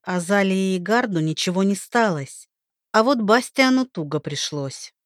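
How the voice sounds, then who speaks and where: A woman narrating a fantasy story aloud in a steady storytelling manner. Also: medium pitch, a little slow, no echo, studio quality.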